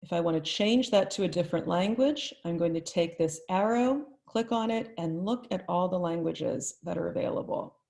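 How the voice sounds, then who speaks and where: A woman talks through a live online tutorial in a chatty, friendly way. Her voice sits low and has a gravelly texture. She thinks out loud as she demonstrates each step. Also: normal speed, hardly any pauses. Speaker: teacher trainer.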